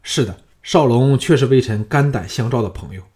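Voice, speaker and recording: Storybook fawning official, excitable, mellow voice , narrator voices him. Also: male voice, medium pitch, moderate pace, close to an everyday voice. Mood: eager. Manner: excitable, ingratiating. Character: anxious, flattering male court official.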